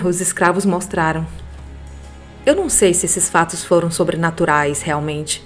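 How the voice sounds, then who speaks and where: A woman with a Brazilian Portuguese accent, reading listener-sent ghost stories aloud as a podcast narrator in a calm, steady storytelling manner. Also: on the low side. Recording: faint music bed behind the voice.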